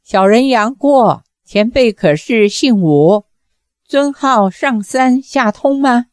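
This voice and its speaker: 一位女性朗读者演绎一位彬彬有礼的年轻男侠客，语气恭敬沉稳。. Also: female voice, on the high side, slow, no room sound, clean studio sound. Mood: courteous. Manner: polite, steady. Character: courteous young male swordsman hero. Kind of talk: audiobook character voice.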